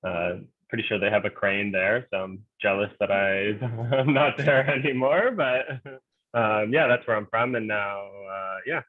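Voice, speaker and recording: Co-hosting a laid-back game fan livestream, this Ontario man talks at a measured pace in a lowish voice, sprinkling in plenty of fillers. The audio is dry and tinny, phone-like.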